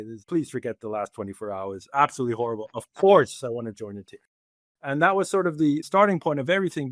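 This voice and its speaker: A middle-aged man from Switzerland, a guest speaking in a relaxed, conversational way with frequent laughs in a podcast interview. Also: medium pitch, no room sound, studio quality. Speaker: guest, head of organizational development.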